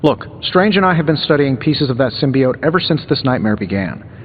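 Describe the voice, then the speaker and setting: A man's voice: mid-range voice, very animated, fairly quick. A man voicing a wisecracking genius inventor superhero in a video game, with an American accent and a glib, sardonic, conversational manner. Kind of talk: video game dialogue acting. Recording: muffled game audio, long reverb, music behind.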